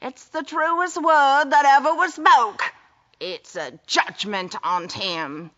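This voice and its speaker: A woman's voice: sits high, animated, slow pace, a bit bright, heavily acted. An actress playing a scornful, judgmental working-class Victorian woman in an audio drama, in slightly muffled audio.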